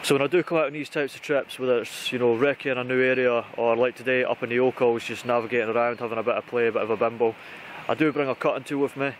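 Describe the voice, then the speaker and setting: Standing in conifer woodland, a thirties-aged British outdoor vlogger runs through his gear for the camera in a chatty, informal way. His medium-pitched voice stays steady, fast and nearly pause-free, with clear background noise around him.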